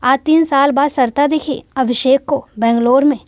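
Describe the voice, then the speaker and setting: Woman storyteller, high pitch, dry close sound, scripted narration. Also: steady tone, normal speed, no echo.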